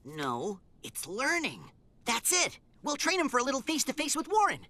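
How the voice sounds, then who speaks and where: A woman voicing an excitable, slangy teenage boy in a cartoon. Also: high voice, normal speed, no echo, heavily acted. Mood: excited. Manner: eager, slangy, panicky.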